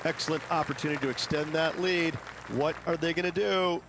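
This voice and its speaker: A man's voice: fairly high pitch, fairly even intonation, brisk. A man giving colour commentary on golf in brief, punchy interjections. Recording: crowd and ambience noise behind.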